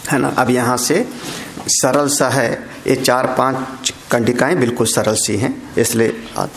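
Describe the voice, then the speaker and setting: Slow-paced swami in an echoey hall. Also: male voice, mid-range voice, steady tone, slight background noise. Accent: North Indian Hindi. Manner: conversational teaching, chants Sanskrit verses in a slow singsong. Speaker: swami teaching scripture. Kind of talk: spiritual discourse on scripture. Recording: echoey room.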